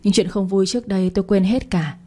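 A woman narrating a first-person story in a plain, steady way. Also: mid-range voice, quick pace.

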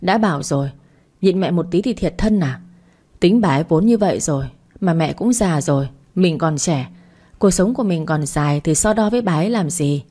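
A woman's voice: on the low side, lively intonation, normal speed, dark tone. A woman voicing an angry young husband who snaps back at his mother in defense of his wife. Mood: exasperated.

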